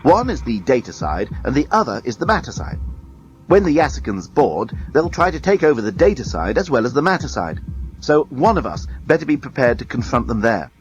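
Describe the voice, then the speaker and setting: A man's voice: mid-range voice, very animated, brisk, dull audio, natural voice. A man voicing an impatient, amorous alien male journalist in a read-aloud story.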